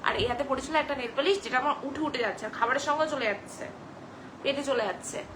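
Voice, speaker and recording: A woman's voice: high-pitched, fast, noisy background. A young woman hosting a casual live stream, reading viewer comments aloud and answering them in a chatty way over a phone.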